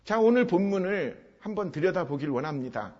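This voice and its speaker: A pastor preaches an expository sermon, explaining step by step and driving points home with emphatic repetition. His voice sits high, sing-song and fairly quick with a darkish tone, while the recording sounds dull with a long hall reverb.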